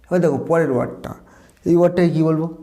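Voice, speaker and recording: Bengali-accented male tutor, mellow voice. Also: fairly high pitch. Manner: slow, deliberate example sentences, repeats words for drill. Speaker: English pronunciation tutor. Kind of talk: online lesson.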